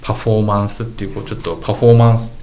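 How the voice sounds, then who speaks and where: A man's voice: on the low side, little pitch movement, racing, mellow, a little hiss or hum. A man co-hosting a casual fashion chat as a journalist, rambling with heavy fillers and teasing.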